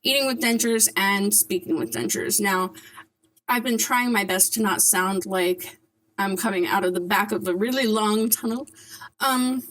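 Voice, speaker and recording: A woman's voice: medium pitch, unhurried, a bit bright, poor audio. Woman, mid-range voice, casual vlog talk, careful articulation, slight denture lisp, whistling S. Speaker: vlogger.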